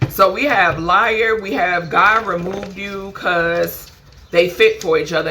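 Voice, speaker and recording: A woman's voice: lowish voice, pushed and bright, slight background noise. A woman giving a casual channeled card reading to her viewers, chatty and emphatic, ending nearly every phrase with a questioning "okay?". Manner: emphatic, swears casually, calls viewers "baby" and "honey". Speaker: spiritual card reader.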